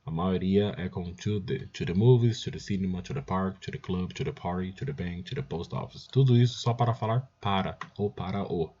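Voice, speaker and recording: In a recorded language lesson with dull audio, a man with a Brazilian Portuguese accent teaches English in a low, dark voice at a moderate pace with few pauses. He drills each phrase by repeating it and often calls out to his students.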